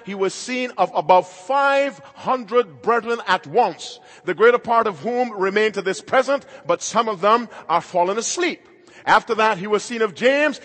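High-voiced preaching man, long hall reverb. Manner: emphatic preaching, swings between loud and quiet. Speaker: pastor. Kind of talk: sermon.

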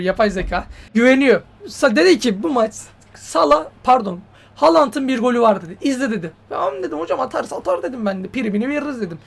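A man with an unusually high voice and a gravelly, fry-laden edge commentates on his own football game match. He is hot-tempered, cheers his players, and curses at the game whenever it crosses him. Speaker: gaming YouTuber.

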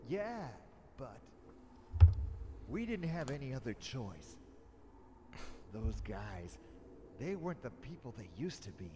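A man's voice: mid-range voice, sing-song, slow pace, long pauses. An actor playing an earnest, pragmatic male survivor in a horror video game. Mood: earnest, defensive. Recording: noisy game audio.

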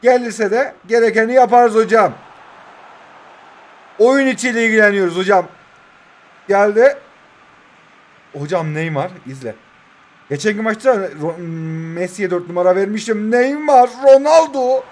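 A man's voice: high voice, measured pace, long pauses. A young man in his twenties commenting on his own football video game matches, joking, cheering his goals and talking to his players and viewers. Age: 20s. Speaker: mobile football game YouTuber. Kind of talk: excited gameplay commentary.

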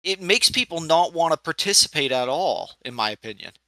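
Man, radio show caller manner, opinionated, interrupting, higher-pitched, lively swings, heated political debate. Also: fairly quick, dry recording.

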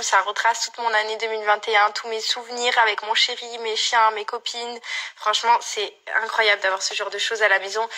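A woman's voice: on the high side, sharp tone. A young woman vlogging casually to camera, gushing and chatty.

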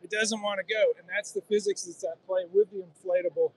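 Enthusiastic high-voiced man at a trade show. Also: little pitch movement, a little fast, low-quality recording. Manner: enthusiastic, explanatory, gestures while talking. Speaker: guest kayak angler. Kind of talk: casual trade-show interview. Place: busy indoor convention hall. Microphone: handheld phone held by interviewer.

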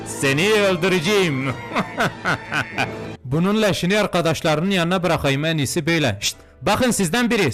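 Foul-mouthed young man yelling over game music. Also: a little high. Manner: crude, mock-outraged, bursts into shouting. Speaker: gaming YouTuber. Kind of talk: comedic let's-play commentary.

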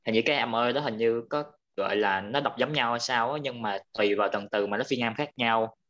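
A man speaks very quickly in a mid-range voice, agreeing a lot and repeating his words. He comes through dull, lo-fi video call audio. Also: mid-range voice, a bit bright. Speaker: study group member. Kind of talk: casual study chat.

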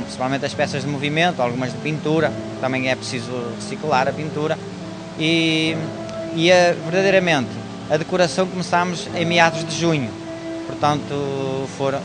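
A middle-aged man with a northern Portuguese accent answering interview questions, hesitant, with many fillers and restarts. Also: on the high side. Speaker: company director.

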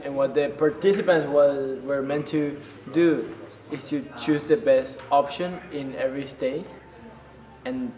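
A man's voice: medium pitch, steady tone, unhurried, roomy sound, highs cut off. A young male student casually explaining an activity in an interview. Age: young adult.

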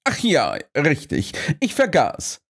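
A man's voice: fairly high pitch, huge pitch swings, slow, creaky, fairly bright tone, pitched above the performer's own voice, exaggerated voice. A man reading an audiobook, voicing a shrewd Victorian detective who speaks in a polite, coolly precise and ironic way. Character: shrewd male Victorian detective, calm and cutting.

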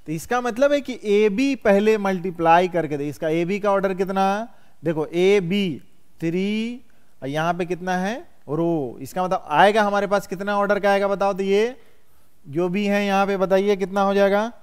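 Male math teacher, high and clear, classroom lecture full of questions to students. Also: normal speed. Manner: quizzes students constantly, calls them "बउआ".

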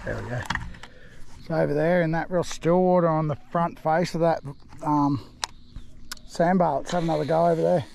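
A middle-aged Australian man giving excited, laid-back commentary while fishing from a small boat, recorded on a chest-mounted action camera. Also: a little high, moderate pace, creaky, long pauses, a little hiss or hum. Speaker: fishing vlogger. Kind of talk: casual running commentary. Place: small boat on a river outdoors.

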